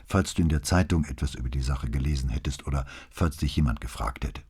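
Brief: shaken, quiet commissioner, read by a man with a dark, husky voice. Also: very deep voice, quick pace, heavily acted. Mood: subdued. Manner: subdued, downplaying. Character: weary, shaken middle-aged police commissioner. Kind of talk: audiobook dialogue.

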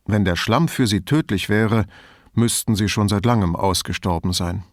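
A man reading an audiobook plays a reflective middle-aged police commissioner who talks in a measured, thoughtful way. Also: on the low side, no echo, clean studio sound, lightly acted.

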